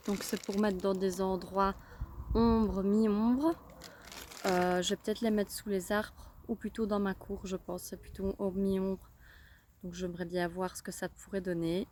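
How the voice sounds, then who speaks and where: A woman's voice: mid-range voice, mellow, slight background noise. A woman with a Belgian French accent chatting casually about her garden and bulbs, with many fillers and restarts, recorded outdoors. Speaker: gardening vlogger. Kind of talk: casual chat.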